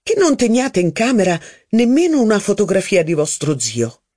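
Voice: medium pitch, huge pitch swings, normal speed, mellow, no echo, studio quality, voice pushed up. A reader doing a young upstart, raised and indignant. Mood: reproachful. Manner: insistent, indignant exclamations. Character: young ambitious upstart man, reproachful.

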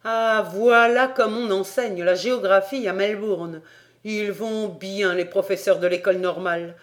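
A woman voicing an excitable middle-aged male French geographer who bursts into loud, fussy exclamations. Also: mid-range voice, unhurried, lightly acted. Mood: excited.

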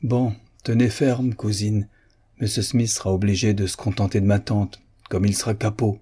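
A man's voice: on the low side, flat delivery, normal speed, mellow, husky. A man reading a cheeky young man's lines in a period novel, in a mocking, teasing manner.

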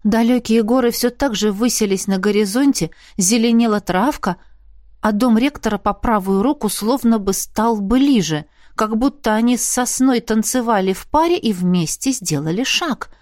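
A woman reading a first-person fantasy novel aloud in a steady, even storytelling voice, close to the mic. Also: fairly high pitch, normal speed, no echo. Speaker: audiobook narrator.

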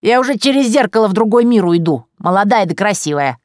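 A woman's voice: mid-range voice, expressive, fairly quick, darkish tone, dry recording, clean studio sound, voice pushed up, lightly acted. A woman voicing a spiteful, quarrelsome old witch who snaps and shrieks. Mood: sneering. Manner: snappish, shrieking.

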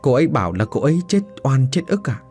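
A man's voice: mid-range voice, sing-song, fast, darkish tone, soft background music, close to an everyday voice. A man doing an earnest young boyfriend. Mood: earnest worried. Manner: earnest, questioning. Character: young man, anxious boyfriend of the dead girl.

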